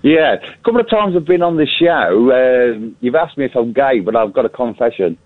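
A man phoning in on speakerphone, his voice thin and tinny down a narrow phone line. He speaks at an ordinary middle pitch, hesitating with halting "uh"s before delivering deadpan jokes in a casual chat. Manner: hesitant, deadpan joking, many "uh"s. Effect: calling in on speakerphone. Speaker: caller.

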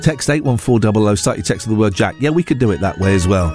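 A radio breakfast show host with a blocked nose chats casually in a studio, reading out stories in a rambling, jokey way and stumbling and correcting himself. His voice is lowish with lively intonation, he talks fast, and music plays underneath.

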